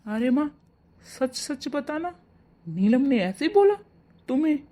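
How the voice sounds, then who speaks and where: A hotheaded young son, put on by a woman in a cartoon family drama, his voice high and swooping. He blusters loudly in defense of his mother. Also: big pitch swings, a little slow. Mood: protective.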